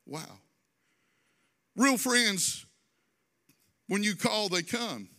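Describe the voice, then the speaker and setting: A man's voice: sits high, big pitch swings, drawn-out words, sharp tone. A male pastor preaching a conversational sermon, drawing phrases out in a sing-song and adding folksy asides.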